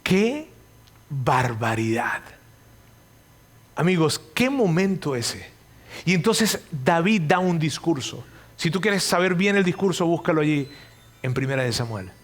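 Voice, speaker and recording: A man preaching a sermon, earnest and pleading, repeating his phrases and telling the story with sudden loud and quiet turns. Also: fairly high pitch, animated, normal speed.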